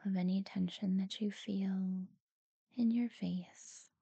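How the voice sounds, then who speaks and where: A woman guiding a sleep meditation in a soft, breathy near-whisper, soothing and unhurried, with long pauses between short phrases. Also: medium pitch, fairly even intonation, no room sound. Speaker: guided relaxation narrator. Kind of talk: guided sleep meditation talkdown.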